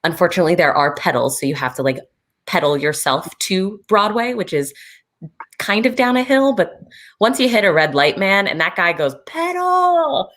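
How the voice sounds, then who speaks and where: A woman with a slightly low voice, left hoarse and raspy, gives a casual online talk as a travel advisor. She chats along with plenty of fillers, heard over a video call. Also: expressive, normal speed, fairly bright tone. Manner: chatty, many fillers.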